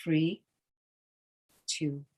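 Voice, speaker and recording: A calm meditation guide talking listeners down into deep relaxation. The delivery is slow, hushed and soothing, with phrase endings that fade to near quiet. The voice sits at an ordinary middle pitch.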